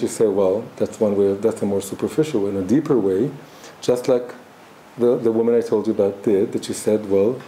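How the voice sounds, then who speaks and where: A man teaches a reflective spoken class in a lowish, very dark and mellow voice; Hebrew is his first language. He stops and restarts frequently while thinking out loud, and the echoey room has a faint background hum.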